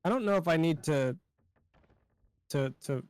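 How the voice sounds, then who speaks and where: A man's voice: on the high side, expressive, a little slow, dry recording. A young man casually commentating on a game as he streams, chatting with friends in a slangy, profane way. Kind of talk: casual gaming commentary and chat.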